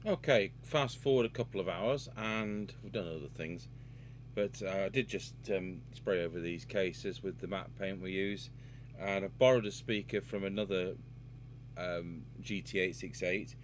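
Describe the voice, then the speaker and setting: Working through a repair on camera without a script, this UK-based radio technician and presenter talks through his thoughts plainly as he goes. He speaks at a normal speed in a low voice. Electrical hum and workshop noise fill the recording.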